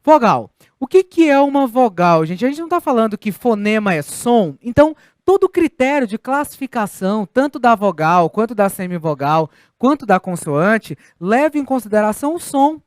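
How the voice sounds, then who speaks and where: A man's voice: high voice, big pitch swings, normal speed, few pauses, dry recording, clean studio sound. A Brazilian man giving a recorded grammar lesson, explaining step by step and asking his students rhetorical questions. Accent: Brazilian Portuguese. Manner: didactic, addresses students directly with rhetorical questions. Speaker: Portuguese teacher.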